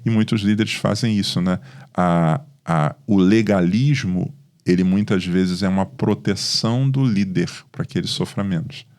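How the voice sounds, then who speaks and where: Brazilian pastor telling lively stories. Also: male voice, deep voice, moderate pace, hardly any pauses. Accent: Brazilian Portuguese. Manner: animated storytelling, acts out dialogue. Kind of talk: podcast conversation.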